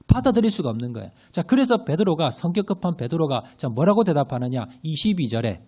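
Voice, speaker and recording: A male pastor preaches a sermon, asking the congregation rhetorical questions and leading them in scripture reading. His voice is warm and mellow, sits somewhat high for a man, and swings widely in pitch. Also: very animated, quick pace. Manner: leads group scripture reading.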